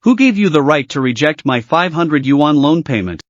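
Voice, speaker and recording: A vain, smug young wife in a manhwa recap, boastful and scornful, as a male narrator puts her on. The voice is pitched up above his usual range and lively. The sound is dry and slightly dull. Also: moderate pace, dry recording, lightly acted. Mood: angry.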